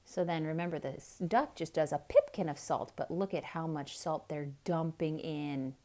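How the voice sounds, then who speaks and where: With a deep voice, a woman performs a picture book for young children, telling the story dramatically and expressively and pausing for explanatory asides.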